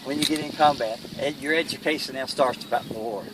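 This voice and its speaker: This is a first-hand war recollection from an elderly veteran, at least in his 80s, who speaks with a Kentucky accent at a medium pitch. His interview manner is plain and halting, and the audio is noisy, distant and backed by vehicle-like sounds.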